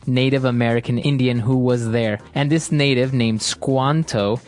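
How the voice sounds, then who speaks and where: A man co-hosting an English-learning podcast, talking in a relaxed, agreeable way with frequent fillers. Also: mid-range voice, moderate pace, soft background music. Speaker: podcast co-host.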